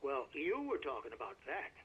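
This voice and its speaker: A wry, skeptical radio guest. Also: male voice, medium pitch, wildly swooping pitch, normal speed, a little hiss or hum. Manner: wry, argumentative. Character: male radio guest, blunt skeptic on love. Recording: slightly dull game radio audio.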